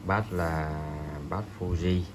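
A man reviewing a fishing rod in a hesitant voice-over, pausing often and filling gaps. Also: deep voice, fairly even intonation, background noise. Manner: slow, hesitant, many pauses and fillers.

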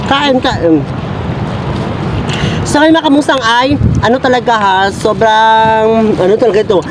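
Vlogger talking through a mouthful in loud seaside wind. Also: mid-range voice, fairly even intonation, normal speed. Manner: chatty, talks straight to viewers between bites. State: mouth partly full. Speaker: food vlogger. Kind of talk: casual mukbang vlog chat. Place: outdoors by the sea, very windy. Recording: loud wind noise outdoors.

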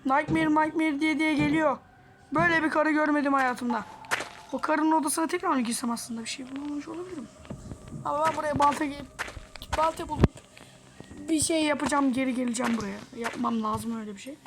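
A young woman giving foul-mouthed, yelling commentary while playing a horror game. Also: high voice, steady tone, brisk, background noise. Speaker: gameplay streamer.

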